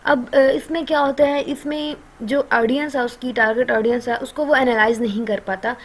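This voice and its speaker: A woman with a Pakistani accent explaining a course lecture in a conversational way, often pausing with fillers and checking in with her listeners. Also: high-pitched, steady tone. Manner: conversational, frequent "ठीक है" check-ins and filler pauses. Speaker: online lecturer.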